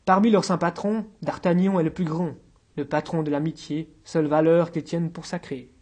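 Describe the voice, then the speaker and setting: A man narrating an audiobook in a measured, literary reading. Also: a little high, fairly even intonation, darkish tone, breathy edge.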